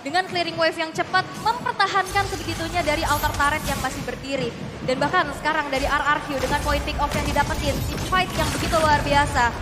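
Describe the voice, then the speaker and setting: A woman's voice: high-pitched, fairly even intonation, fast. A woman with an Indonesian accent giving live commentary on an esports match as a caster. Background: music.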